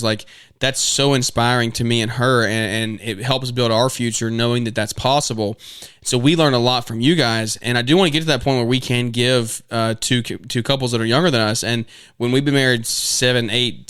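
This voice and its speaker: A man's voice: medium pitch, a bit bright, clear, resonant tone, dry recording, clean studio sound. A man in his twenties hosting a solo podcast, talking earnestly and rambling a little, with many fillers and restarts. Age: 20s. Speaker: podcast host.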